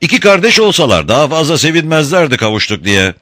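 A man voicing a huge, hearty male mosque keeper who talks loudly and at length. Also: fairly high pitch, big pitch swings, fast talker, no room sound, clean studio sound, voice pushed up. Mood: warm, talkative.

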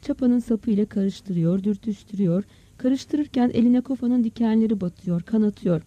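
A narrator reading a village story aloud as an audiobook in a steady storytelling manner. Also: mid-range voice, moderate pace, no echo. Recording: dull, dry close recording.

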